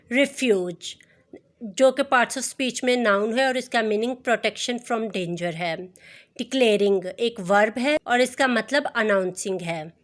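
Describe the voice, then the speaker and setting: A woman teacher, slowly and carefully explaining a textbook exercise and reading English sentences aloud to students. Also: fairly high pitch, fairly bright tone. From Pakistan.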